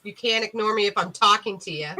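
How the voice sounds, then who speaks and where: A woman's voice: mid-range voice, fast, sharp tone, low-quality recording. A woman in her forties chatting as a guest on a livestream, playful and teasing. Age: 40s. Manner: playful and teasing, laughs easily. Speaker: guest in the chat. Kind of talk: casual chat.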